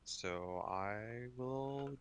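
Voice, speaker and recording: A man's voice: fairly low pitch, drawn-out words, muffled recording, background noise. A man speaking casually as a player in a tabletop game, slipping in and out of character with dry teasing.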